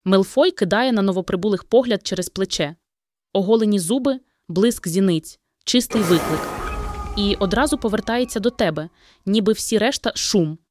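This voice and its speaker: A woman's voice: mid-range voice, moderate pace, darkish tone, dry recording. A woman reading a second-person dramatic story aloud in an intimate, dramatic storytelling manner. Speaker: narrator. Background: background music.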